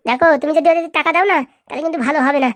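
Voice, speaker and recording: A woman's voice: high voice, fairly even intonation, rapid-fire, dry recording, natural voice. A woman voicing a bossy, scheming village wife in a cartoon comedy, who gives commands in rustic speech.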